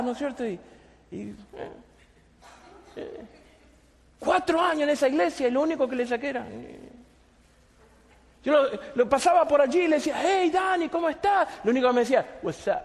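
Brief: male pastor, very high voice, sermon building to shouts, long hall reverb. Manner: storytelling that builds to shouted emphasis, rhetorical questions.

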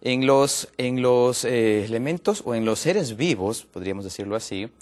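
A man from Ecuador, a guest on a health program, explaining a topic patiently with many pauses and fillers. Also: mid-range voice, darkish tone.

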